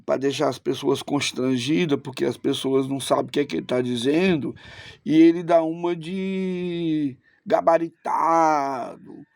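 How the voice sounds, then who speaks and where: Man, Greek teacher, gravelly, fairly high voice, dry close sound, opinionated asides. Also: a little mellow, no echo. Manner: opinionated, sarcastic asides, repeats words for emphasis. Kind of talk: recorded online lesson.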